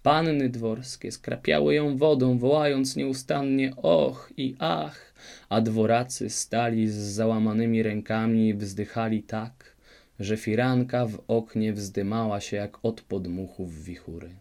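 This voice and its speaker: A man reads a fairy tale aloud, expressive and varied. His voice is dark, mellow and gravelly. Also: on the low side, measured pace. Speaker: narrator. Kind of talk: storybook fairy-tale reading.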